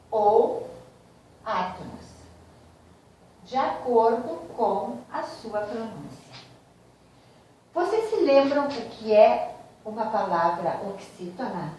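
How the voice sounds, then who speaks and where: Slow-talking teacher woman in echoey room. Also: fairly high pitch, warm tone, distant mic, slight background noise. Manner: slow, explanatory, addresses students directly. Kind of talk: video lesson on grammar.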